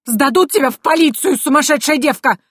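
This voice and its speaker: A woman voicing a cowardly, shrill male priest who shrieks and wails in panic, as an audiobook character. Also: animated, a little fast, slightly rough, no echo, clean studio sound. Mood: panicked.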